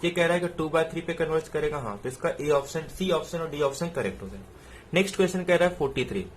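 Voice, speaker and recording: A man teaching, working through exam math answers in a steady explanatory way, often asking a question and answering it himself. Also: a little high, fast, slight background noise. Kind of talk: exam solution walkthrough.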